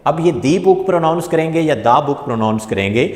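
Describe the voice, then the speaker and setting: A man teaching a spoken English lesson, spelling words out letter by letter and stating rules slowly and deliberately. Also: fairly high pitch, animated, a little mellow. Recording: echoey room with long reverb.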